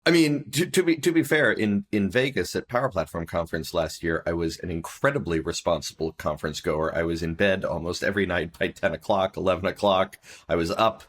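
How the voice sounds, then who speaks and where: A man with a very deep voice chats casually on a podcast with self-mocking, dry humor about himself. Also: brisk, hardly any pauses. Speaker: podcast co-host. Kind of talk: casual chat.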